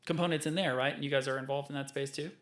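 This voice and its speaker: A man's voice: medium pitch, steady tone, rapid-fire, a bit bright. An easygoing man with a mid-range voice hosts a casual podcast and likes to joke. His voice carries a roomy echo. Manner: easygoing, joking. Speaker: podcast host.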